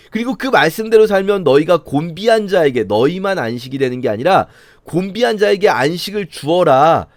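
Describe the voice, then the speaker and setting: A man's voice: fairly high pitch, no room sound. A man, a pastor, explaining a Bible passage in a conversational sermon and acting out mocking voices of the scoffers. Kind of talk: sermon-style Bible reading commentary.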